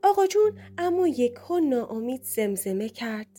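A woman narrating a story in the first person with an expressive telling. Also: fairly high pitch, breathy edge, faint music behind.

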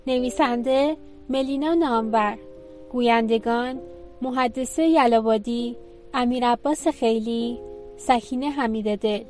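A woman announcer reading production credits in a formal, measured way. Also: on the high side, a little mellow, faint music behind.

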